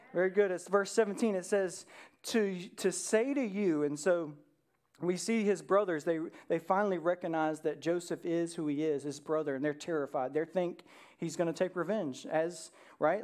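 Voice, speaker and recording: A woman pastor preaches to her church, telling a story in a relaxed, conversational way. She keeps turning to her listeners with questions to draw them into the story. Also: on the low side. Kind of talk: sermon.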